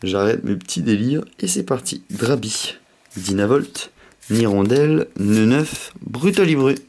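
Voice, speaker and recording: A man gives casual, chatty commentary as he opens packs on camera. He has a mid-pitched voice and a slight lisp, and his manner is excitable, with quick exclamations. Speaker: host of a card pack opening video.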